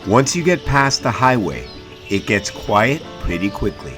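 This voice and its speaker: Male narrator, scripted nature-documentary travel voice-over over clear background music. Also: mid-range voice, big pitch swings, unhurried.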